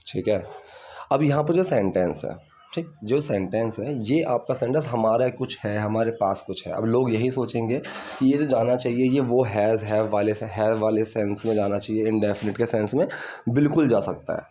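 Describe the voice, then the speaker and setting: A man teaching English grammar in Hindi, reading English example sentences slowly and often saying "ठीक है". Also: mid-range voice, warm tone, a little hiss or hum.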